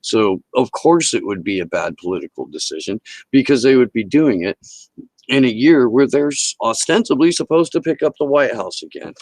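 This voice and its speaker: A man's voice: no room sound, rough recording. A man hosting a livestream, talking casually and emphatically about politics with heavy swearing, heard over close headset-style audio. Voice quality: low-pitched voice. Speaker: livestream talk show host. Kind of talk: casual political rant to a live chat.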